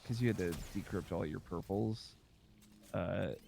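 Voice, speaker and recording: A man's voice: low voice, a little slow, creaky, warm tone, slight background noise. A young man chatting casually as a game streamer in an easygoing, slangy way. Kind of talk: casual chat while gaming.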